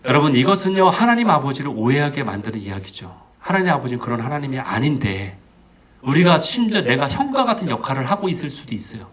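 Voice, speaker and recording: A man's voice: mid-range voice, sing-song, quick pace, a bit bright. A male pastor preaching a sermon, asking the congregation rhetorical questions and acting out quoted voices.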